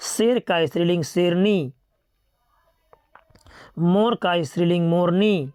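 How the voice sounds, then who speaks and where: A teacher gives a grammar lesson in a slow, smooth, mid-range voice, recorded with clean studio sound and no echo. She steadily and methodically reads out word pairs, often pausing to remind students to remember them.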